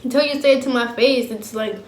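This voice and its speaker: A woman's voice: on the high side, fast talker, a little hiss or hum. A young woman vlogger chatting casually while eating, blunt and slangy, laughing easily. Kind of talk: casual mukbang chat. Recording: roomy home sound with faint ambience.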